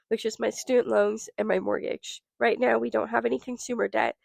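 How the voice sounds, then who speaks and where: A young adult woman hosting a solo podcast, sounding nasal from a cold, giving listeners an upbeat, direct pitch. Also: vocal fry, no echo. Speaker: podcast host.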